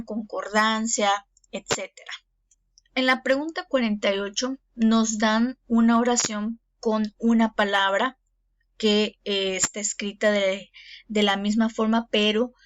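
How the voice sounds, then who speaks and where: A woman teacher, patiently explaining exam answers with frequent fillers. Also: medium pitch. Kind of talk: recorded exam review lesson. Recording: dull lo-fi recording, faint noise.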